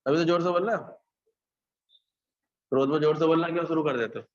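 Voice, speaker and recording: A man giving a spiritual discourse, talking conversationally, asking rhetorical questions and acting out loud and hushed voices. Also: on the high side, fairly quick. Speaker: spiritual teacher. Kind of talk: Hindi satsang discourse. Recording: echoey, dull lo-fi hall recording.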